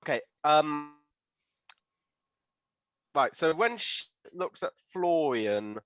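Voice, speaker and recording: A man leads a tabletop game over a video call, and his voice comes through choppy, breaking up and cutting out mid-phrase. The sound is dull and lo-fi with a dry, close feel. His pitch rises and falls in lively swings. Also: takes it slowly, dry recording. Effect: choppy online call audio cutting out. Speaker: game master. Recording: dull lo-fi online call audio.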